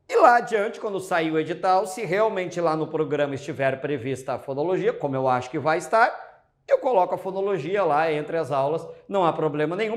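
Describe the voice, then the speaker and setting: A male Portuguese teacher with a Brazilian accent giving an exam-prep lecture, talking emphatically and addressing his students directly. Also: high voice.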